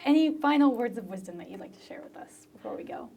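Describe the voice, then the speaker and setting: A woman's voice: fairly high pitch, animated, fast, gravelly, darkish tone. A woman host giving brief, encouraging replies in an interview. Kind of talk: interview conversation.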